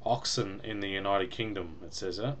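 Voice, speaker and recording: A man's voice: low-pitched, normal speed, a bit bright, slight background noise. A young man casually reviewing a beer at home on a webcam, chatty and rambling with ums and small laughs. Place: small room at home, indoors.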